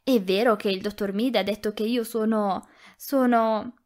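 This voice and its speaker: A woman reading an audiobook, voicing a gentle, tactful young woman who speaks softly and a little breathlessly. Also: medium pitch, fairly even intonation, normal speed, lightly acted. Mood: anxious. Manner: soft, eager, slightly breathless. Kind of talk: audiobook character voice.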